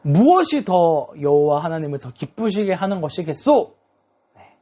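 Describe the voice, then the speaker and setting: A man's voice: a little high, very animated, normal speed, mellow. A man voicing a stern old prophet who questions a king in formal, old-fashioned speech. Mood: stern questioning.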